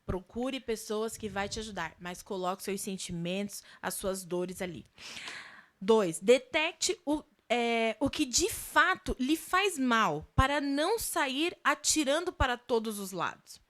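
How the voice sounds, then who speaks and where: Brazilian woman, higher voice, church prayer livestream, gives advice step by step. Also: lively intonation, a little slow. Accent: Brazilian Portuguese. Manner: warm advice-giving, lists steps. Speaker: church live prayer host. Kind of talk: church talk giving advice.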